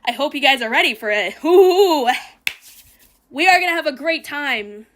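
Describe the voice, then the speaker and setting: High voiced woman streamer ranting, bright sharp tone, swears a lot, mocks stuff. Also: animated, moderate pace, slight background noise. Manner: blunt and profane, ranting, mocking; sarcastic mimicking voices. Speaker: streamer reacting to a video. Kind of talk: casual reaction commentary.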